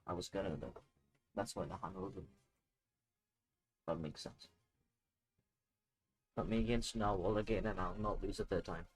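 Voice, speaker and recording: A man's voice: low voice, normal speed, long pauses, slightly rough. A young man casually commenting on his own game, muttering to himself and getting flustered at times. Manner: mutters to himself, jumps between calm and flustered. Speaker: gamer streaming gameplay.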